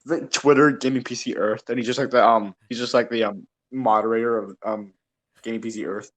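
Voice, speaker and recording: A man's voice: medium pitch, steady tone, fairly quick. A young man chatting casually on a podcast with friends, rambling and laughing, full of restarts and fillers.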